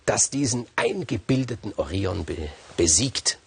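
The grudging queen of the gods from a spoken myth, issuing curt commands in a low, gravelly voice, as a male storyteller puts her on. The sound is husky and dry, close to the mic. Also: lively intonation, a little slow, full character voice. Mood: commanding.

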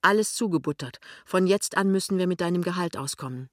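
A man's voice: sits high, fairly quick, no echo, lightly acted. A fierce, principled young wife speaks up, as a male reader puts her on, her voice lifted above his own. She talks firmly and with indignation. The recording is dry and close, with no room sound. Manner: indignant, firm. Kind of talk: audiobook dialogue reading.

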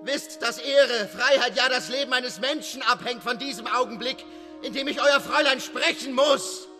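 A man's voice: extremely high pitch, normal speed, pushed and bright. A man voicing a desperate young man who pleads urgently, in dramatic audiobook acting, with long reverb and music behind. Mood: pleading.

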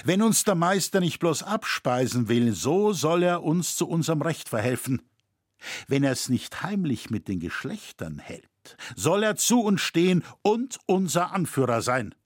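A blunt, rousing smith addressing a crowd of craftsmen, as a male reader plays him. His rhetorical speech rises and falls in lively pitch, and his voice is slightly husky. It sounds dry and close. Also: a little slow, no echo.

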